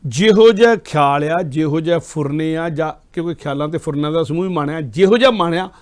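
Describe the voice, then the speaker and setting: A male talk show host with a quick delivery and a fairly high voice. He speaks briskly and keeps chiming in to affirm his guest.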